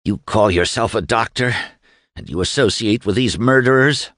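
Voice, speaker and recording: A man voicing a battered, defiant prisoner in an audiobook, bitter and stubborn, with a low voice. The sound is close and dry. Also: normal speed, fairly bright tone, no echo. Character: beaten, defiant male prisoner.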